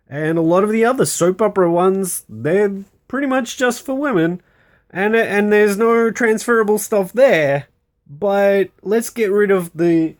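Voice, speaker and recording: Slow, exasperated, emphatic ranter. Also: medium pitch. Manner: exasperated, emphatic, repeats phrases, halting; blunt, swearing. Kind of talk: unscripted opinion rant to camera.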